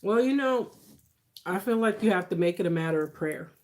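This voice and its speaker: A woman in her forties with a slightly low voice chats casually, as on a livestream. She speaks in a conversational, reassuring way, like someone giving personal advice. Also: animated, brisk, a little mellow. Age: 40s. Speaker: livestream host. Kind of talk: casual livestream chat with viewers.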